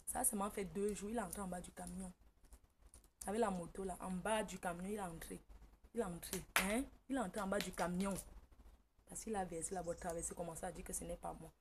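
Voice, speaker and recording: A woman's voice: medium pitch, fairly quick, a little hiss or hum. A woman from Cameroon, telling a personal story in a casual monologue to camera and quoting her relatives emphatically. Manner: emphatic, tells the story by quoting family members, often breaks into laughter. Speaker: vlogger.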